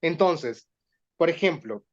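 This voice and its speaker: Male voice coach, high-pitched, patient explainer, muffled lo-fi recording. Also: expressive, slow. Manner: explanatory, demonstrates exercises aloud. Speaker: voice workshop instructor for teachers. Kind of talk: online workshop teaching.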